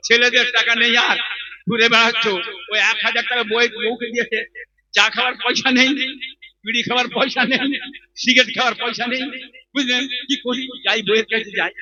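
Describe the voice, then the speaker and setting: Hoarse, high, sharp-voiced Bengali preacher man. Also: dry recording, lo-fi sound. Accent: West Bengal Bengali. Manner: rousing, asks the crowd questions. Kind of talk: political speech at a religious gathering.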